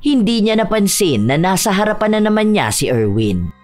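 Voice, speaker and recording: Brief: female narrator for true-horror stories, expressive pitch, measured delivery. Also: soft background music. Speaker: storyteller. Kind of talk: scripted narration of a horror story.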